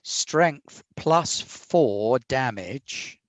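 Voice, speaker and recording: A man's voice: mid-range voice, lively intonation, drawn-out words, no room sound. Male game master, close and dry. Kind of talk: casual tabletop game narration.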